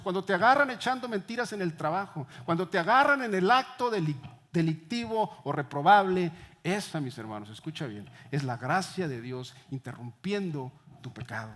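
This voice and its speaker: A man preaches a sermon in a fairly high voice. He swings from fiery, raised lines to sudden hushed ones, leaning on each word for emphasis. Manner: impassioned preaching with sudden drops to hushed tones. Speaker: pastor.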